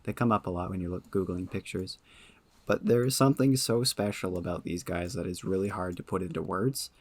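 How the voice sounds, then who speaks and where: A man's voice: low-pitched, fairly even intonation, fairly quick. A man hosting a casual podcast, talking at length with lots of ums and eager enthusiasm. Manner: rambling, many ums, enthusiastic. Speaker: podcast host. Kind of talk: casual chat.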